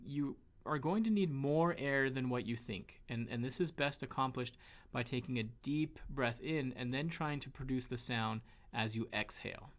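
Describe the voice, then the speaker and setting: A man's voice: mid-range voice, fairly bright tone. A man with a Western American accent, teaching a pronunciation lesson with many fillers and restarts. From western United States. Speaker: Spanish teacher.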